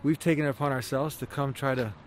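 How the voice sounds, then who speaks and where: A man's voice: medium pitch, steady tone, fast. Earnest man preaching casually outdoors. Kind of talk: casual vlog talk with religious preaching. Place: outdoors outside a church in town. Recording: faint outdoor street and traffic noise.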